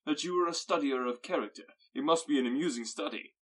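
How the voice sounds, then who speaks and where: Man reading as a keen young gent, a bit higher and louder, lively. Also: quick pace, slightly rough. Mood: eager.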